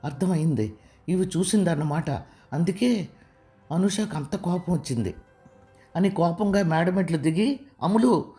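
A woman narrating an audiobook story in a steady storytelling way. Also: on the low side, moderate pace, long pauses, faint music behind.

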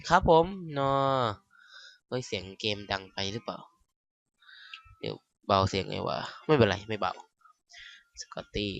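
A man's voice: on the low side, vocal fry, sharp tone, dry recording. A young man casually commenting as he plays a farming game, rambling and talking to himself, holding his mic in his hand. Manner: rambling, chatty, talks to himself while playing. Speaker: gaming YouTuber. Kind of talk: casual let's-play commentary. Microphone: handheld mic.

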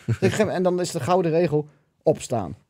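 A man's voice: on the high side, animated, brisk, dark tone, no room sound, studio quality. A man, a guest on a podcast, in casual chat, telling stories loosely and with plenty of swearing. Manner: loose, swearing, anecdotal storytelling.

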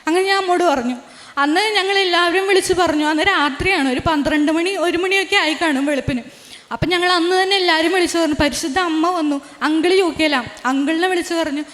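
A young woman with a very high, light voice tells her religious testimony, earnest and halting, often breaking off and restarting. Her voice rings with a long reverb, as if she is speaking in a large, echoing room. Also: fairly bright tone. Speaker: testifying believer.

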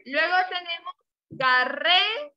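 A woman teaching kindergarten phonics remotely, her high voice moving at an unhurried pace. She breaks words into syllables and praises often. The recording is dull and lo-fi with steady noise behind her. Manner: slow, deliberate, sounds out syllables, frequent praise. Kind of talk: remote phonics lesson for small children.

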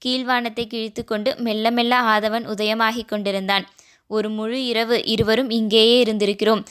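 A woman narrating a romance audio novel in a soft, expressive storytelling manner. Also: fairly high pitch, moderate pace, smooth.

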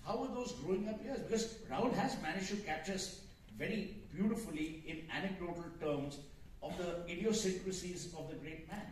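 A middle-aged man moderates on stage, phrasing his questions in smooth, measured sentences. His voice sits fairly high and sounds distant, heard from the audience in a large hall full of echo. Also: slight background noise. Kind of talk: live stage interview. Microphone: handheld mic, recorded from the audience. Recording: echoey hall, from far off.

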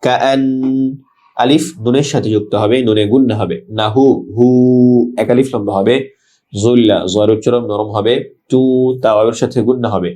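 A Bangladeshi man teaching tajweed. He recites verses slowly and drawn out, then explains each sound in quick plain speech. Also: fairly low pitch, steady tone, mellow. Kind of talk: tajweed lesson, word-by-word explanation.

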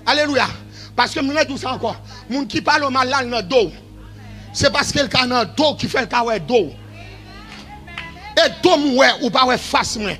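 A man preaching a revival sermon in a shouted, sing-song style that falls to quieter stretches. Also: very high-pitched, normal speed, long pauses, faint music behind.

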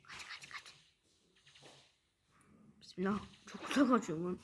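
A woman giving excited live gameplay commentary as a gaming video creator. She gets frustrated quickly and fires off repeated words in bursts. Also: medium pitch, background noise.

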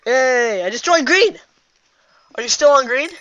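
A woman's voice: sits high, animated, measured pace, a bit bright, dry recording. A woman chatting casually while gaming, in a slangy way full of dude and bruh. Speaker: gamer. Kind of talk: casual gaming chat during play. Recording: dull lo-fi mic with clear noise.

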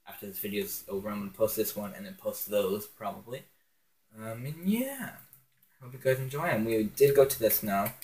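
A man's voice: on the low side, a little mellow. A teenage boy at home in his bedroom, rambling and giggling through casual game commentary, recorded on a phone on a stand. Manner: rambling and giggly, with many ums. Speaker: gaming channel host.

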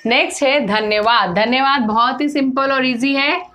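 A woman's voice: sits high, normal speed, sharp tone. A young woman teacher, giving a spoken English lesson to children and explaining each phrase word by word.

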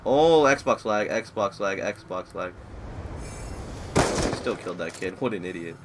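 Heavy background noise surrounds this man's low, slow voice with its lively intonation. He's a gaming YouTuber from Florida in his twenties, rambling through live gameplay commentary while the match keeps stealing his attention.

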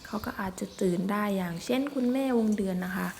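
A woman's voice: mid-range voice, quick pace, gravelly, slight background noise. A woman chatting politely and casually as she narrates an outdoor vlog in the forest. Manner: chatty, polite, with frequent soft particles. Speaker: vlogger filming elephants.

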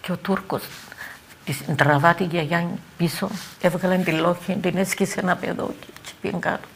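An older woman with a Cypriot Greek accent giving halting eyewitness testimony, repeating words and phrases as she talks. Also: lowish voice, fairly even intonation, creaky, fairly bright tone, slight background noise. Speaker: eyewitness interviewee.

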